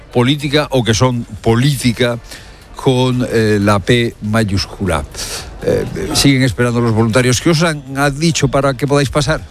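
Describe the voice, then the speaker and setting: A man giving live news commentary. He talks emphatically, asks rhetorical questions and often hesitates with fillers. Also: medium pitch. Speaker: radio commentator.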